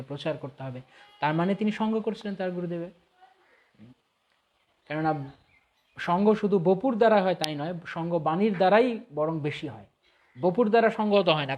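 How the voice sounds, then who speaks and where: A man's voice: high-pitched, a little mellow, lo-fi sound. A man with a Bengali accent, a spiritual teacher answering viewer questions in a devotional talk, reading each question aloud and then explaining it with everyday examples.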